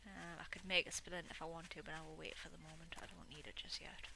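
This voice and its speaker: A young woman talks her way through a game in a relaxed, self-mocking chat, at times dropping to a quiet mutter. Her voice sits a little low. A steady hiss of noise runs under the recording. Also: fast talker, creaky. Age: young adult. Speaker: gameplay video host. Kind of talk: casual gameplay commentary. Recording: noisy home recording.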